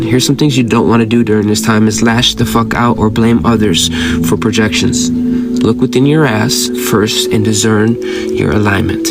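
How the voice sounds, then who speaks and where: A man's voice: fairly low pitch, gravelly. A man giving an emphatic, commanding motivational spiritual monologue as a guide, blunt and slangy in his wording. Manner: emphatic, commanding, preachy exhortations.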